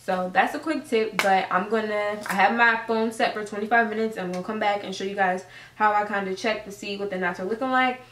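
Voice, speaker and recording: A woman's voice: medium pitch, fairly even intonation, brisk, noisy background. A woman casually talking viewers through a hair tutorial at home, chatty and loose with slang and fillers. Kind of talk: casual how-to vlog. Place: room at home. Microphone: camera set up at a distance. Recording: roomy, camera mic from a distance.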